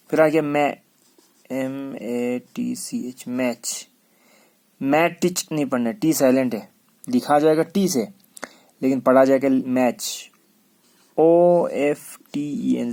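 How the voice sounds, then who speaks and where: Male teacher, unhurried and drilling, spells each word out letter by letter, mid-pitched voice. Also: dark tone. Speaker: English teacher. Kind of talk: classroom lesson.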